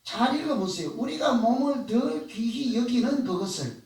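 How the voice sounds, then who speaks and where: High-pitched guy preaching a sermon, asks the congregation stuff, big echoey church, mic far away. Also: lively intonation, moderate pace, darkish tone. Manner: conversational preaching with questions to the congregation. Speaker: pastor. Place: church sanctuary.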